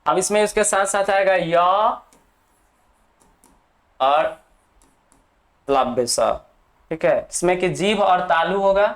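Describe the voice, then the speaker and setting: Slow, deliberate grammar teacher. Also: mid-range voice, animated. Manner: repeats key terms and checks in with "ठीक है ना"; slow, deliberate, dictating for notes. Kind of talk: blackboard grammar lesson for exam students.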